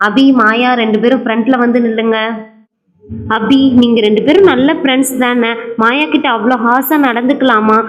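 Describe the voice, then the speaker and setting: A woman voicing a kind but firm schoolteacher doll who gently scolds and instructs her pupils. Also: on the high side, fairly even intonation, normal speed, lo-fi sound, lightly acted.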